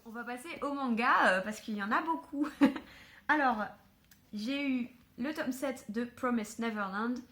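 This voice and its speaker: A woman chatting casually to camera at home about books she was given, filling pauses with hesitations. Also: a little high, pushed and bright. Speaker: book vlogger. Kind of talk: casual book haul chat.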